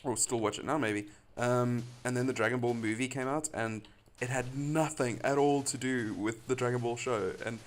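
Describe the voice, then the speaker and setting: A man's voice: medium pitch, steady tone, normal speed, hardly any pauses. A man chatting casually on a live stream while he builds in a game, rambling and laughing often.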